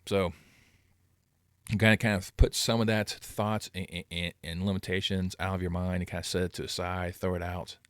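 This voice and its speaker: A middle-aged man hosting his own sports channel, rambling casually in a self-described monotone. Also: deep voice, normal speed, no echo, studio quality. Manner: rambling, self-deprecating, calls himself monotone. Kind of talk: casual commentary vlog.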